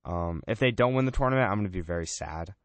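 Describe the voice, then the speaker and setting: A man hosting a casual sports talk show on college radio, chatty and relaxed, often saying "man" and "I mean". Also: low-pitched, fast talker, no room sound.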